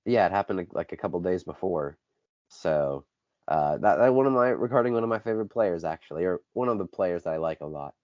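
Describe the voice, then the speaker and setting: A teenage boy co-hosts a casual sports podcast, rambling and correcting himself, sounding a bit congested with a dry throat. His low male voice is expressive, darkish, and fairly quick. The basic home setup gives a dull, lo-fi, dry recording with no room sound.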